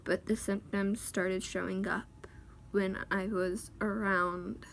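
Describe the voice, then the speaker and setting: Slow-talking woman vlogger, hesitant. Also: mid-range voice, flat delivery, vocal fry, fairly bright tone, a little hiss or hum. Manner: hesitant, many pauses and ums. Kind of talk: casual talk to camera.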